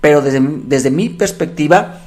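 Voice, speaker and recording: A middle-aged man talks in a fairly high voice. He reflects out loud and slips into quoting his own angry inner thoughts. The pace is relaxed and conversational. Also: measured pace. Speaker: podcast co-host. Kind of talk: casual chat.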